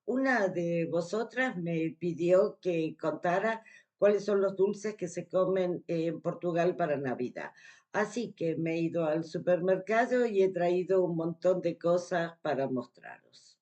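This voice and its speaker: A woman's voice: on the low side, animated, unhurried, a little mellow, dull audio. Argentine lady vlogging, casual chatty explaining, lots of ehs and restarts. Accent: Argentine Spanish. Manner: chatty, explains step by step with many fillers and restarts. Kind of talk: casual vlog chat.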